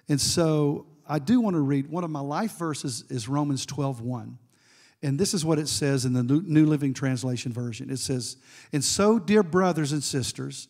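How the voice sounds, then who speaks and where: A middle-aged man giving a sermon as guest preacher, telling a story with asides to the congregation. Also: on the high side.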